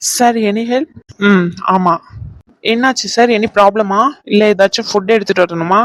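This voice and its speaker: A woman's voice: mid-range voice, normal speed, close to an everyday voice. A woman voicing a deferential, evasive hotel staff member in a cartoon. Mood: polite. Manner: deferential, polite. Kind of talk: cartoon voice acting.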